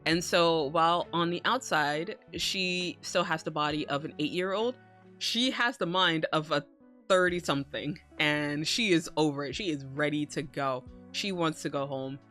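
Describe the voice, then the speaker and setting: Female streamer, bubbly and cute yet on the lower side in pitch, loose sweary chat, music underneath. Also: moderate pace, a bit bright. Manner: casually sweary. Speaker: streamer hosting a live stream. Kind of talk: casual live-stream chat to viewers.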